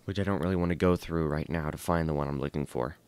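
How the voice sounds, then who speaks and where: A man teaching programming with a low, smooth voice, talking into a desk microphone. He sounds tired and thinks aloud, filling pauses with "um" and "uh" as he slowly reads out lines of code. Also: a little mellow, dry recording. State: tired and yawning. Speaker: programming tutorial host. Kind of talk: casual screen-recorded coding lesson.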